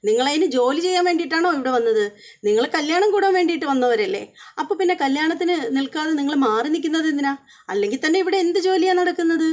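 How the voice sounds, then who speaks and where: A woman's voice: high voice, lively intonation, quick pace, pitched above the performer's own voice. A woman voicing an angry young husband who sharply questions his wife and her family. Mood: demanding.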